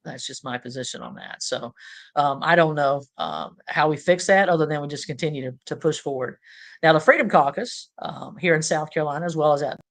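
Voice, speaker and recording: A man's voice: fairly high pitch, a little fast, gravelly, a bit bright. Opinionated male podcast host. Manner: conversational, opinionated, many fillers. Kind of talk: casual political talk.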